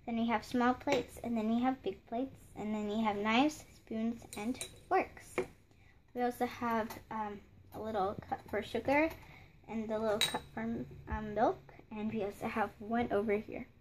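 Unhurried and steady in tone, a high-voiced young girl gives a chatty tour of a handmade doll house in a home room, rambling with many fillers and restarts. She's a vlogger filming with the phone close, hands visible, over light room hiss.

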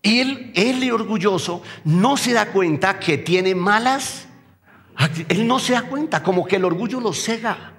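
Man, Colombian accent, pastor, sermon, high voice, rhetorical questions to the crowd, long church reverb. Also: measured pace. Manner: lively preaching, quizzing the congregation with rhetorical questions. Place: church sanctuary.

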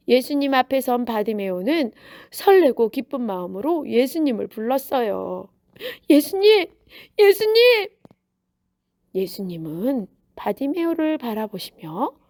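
A woman preacher telling a Bible story to young children in a gentle, sing-song storytelling way. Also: fairly high pitch, no echo, clean studio sound.

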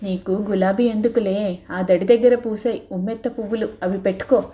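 A woman's voice: fairly high pitch, fairly quick, warm tone, lightly acted. A woman reading the lines of a teasing, coaxing seventeen-year-old village boy in an audiobook novel.

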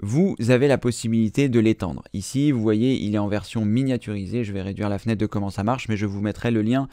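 In this screen-recorded tutorial, a man in his thirties who hosts computer training walks through steps patiently, using fillers. He talks quickly in a lowish, mellow voice, and the studio sound is clean with no room tone.

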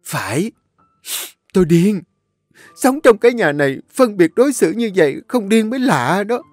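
A scheming young wife loses control in this audio story, shrieking high and wild, as a man puts her on. Her sharpens every accusation, and the voice sits in a dry, close space. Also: very animated, moderate pace, a bit bright, dry recording, soft background music, full character voice. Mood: hysterical. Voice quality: shrill, shrieking.

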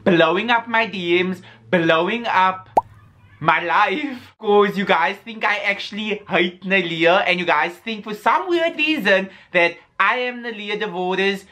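Young dude ranting on his vlog, sassy, says like a lot, bright sharp voice. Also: high-pitched, a little slow. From South Africa. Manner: sassy, rambling, heavy on "like" fillers. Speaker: YouTuber. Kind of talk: casual vlog rant.

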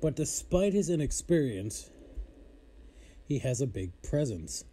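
A man's voice: medium pitch, big pitch swings, a little slow, warm tone, a little hiss or hum. A man hosting a casual Bible teaching show, informal and easily amused, often breaking off to apologize and laugh at himself.

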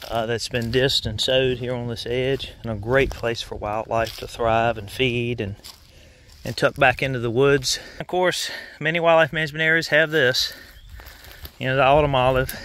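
A man giving a relaxed, rambling outdoor walkthrough of woodland, pausing with fillers. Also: medium pitch, slight background noise. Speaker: interviewer and narrator. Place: outdoors in pine woods.

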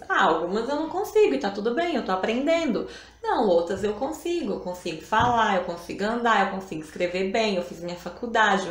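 A woman speaks at an ordinary middle pitch in an unhurried, reflective way, as if thinking aloud on a live stream. She checks in with her listeners through little tag questions, and her voice carries a roomy echo. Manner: reflective, conversational, often adds tag questions. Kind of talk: casual talk on emotions.

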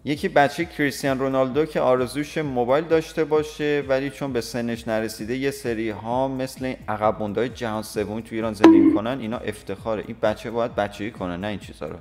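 A man's voice: medium pitch, steady tone, few pauses, darkish tone, soft background music. A man in his twenties from Iran giving blunt, opinionated reaction commentary with crude slang. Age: 20s. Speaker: YouTuber reacting to a clip.

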